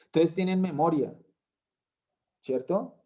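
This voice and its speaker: Male Bible tutor, slightly high voice, explains slowly and checks in with listeners. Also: mellow. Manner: explains slowly, asks "¿cierto?" after points. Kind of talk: Bible class lesson.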